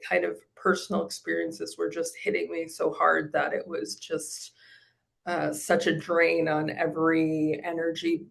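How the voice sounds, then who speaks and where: A woman in her forties with a fairly low voice, talking in a loose, rambling way. She circles through her thoughts with plenty of fillers and restarts, as in a relaxed video interview. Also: unhurried, creaky. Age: 40s. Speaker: program client giving a testimonial. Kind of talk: casual interview.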